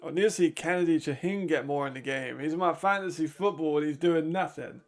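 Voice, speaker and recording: A man's voice: on the high side, brisk. A man giving casual, chatty live commentary while watching a football game, laughing often and trailing off mid-thought.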